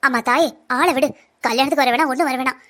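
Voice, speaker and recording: A woman's voice: high voice, fast talker, pushed and bright. A woman voicing a timid young woman friend in a cartoon, nervous and trying to end a phone talk. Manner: nervous, dismissive. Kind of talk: Tamil cartoon voice acting.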